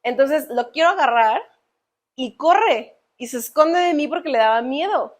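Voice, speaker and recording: A woman with a Mexican accent, co-hosting a podcast, tells an emotional personal story in a lively way and acts out the voices she quotes. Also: sits high, a little slow. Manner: animated, acts out quoted voices, frequent fillers. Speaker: podcast co-host.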